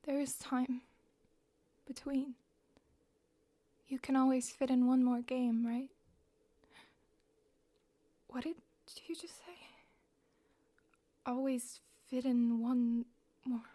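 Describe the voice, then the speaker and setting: A woman's voice: sits high, fairly even intonation, takes it slowly, pauses often, warm tone, no echo. A woman voicing a desperate teenage girl time traveler who rambles through a frantic monologue. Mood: anxious. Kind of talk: audio drama monologue. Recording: guitar music underneath.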